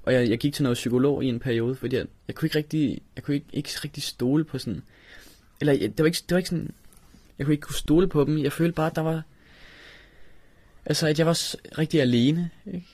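A young man from Denmark telling a personal story, halting, with many restarts and fillers. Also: a little high, darkish tone, slightly rough, no echo. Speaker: interviewee telling his story. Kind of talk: personal recollection.

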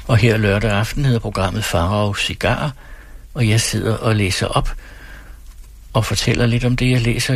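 Low, husky radio storyteller man. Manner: calm, measured storytelling. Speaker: radio host reading stories. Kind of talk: reading fiction aloud. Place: radio studio.

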